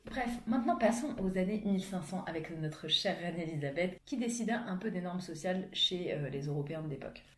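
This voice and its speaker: A woman's voice: fairly low pitch, animated, a little fast, few pauses. A young woman vlogging in a frank, chatty way, talking casually with plenty of fillers. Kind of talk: casual explanatory vlog monologue. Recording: echoey room.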